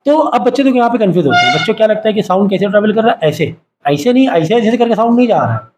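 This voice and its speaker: High-voiced male teacher quizzing a class. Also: sing-song, very fast, a little mellow. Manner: quizzes students with repeated call-and-response questions. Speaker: science teacher. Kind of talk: classroom lecture. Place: classroom with students.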